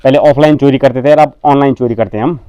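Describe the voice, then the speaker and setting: A man with a Garhwali accent and a heavy, booming voice, chatting and teasing as he narrates a casual vlog while walking outdoors through a hill village. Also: fast, dark tone, clean tone, no room sound, dull audio, soft background music. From Uttarakhand, India. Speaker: vlogger. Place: outdoors on a village hillside path.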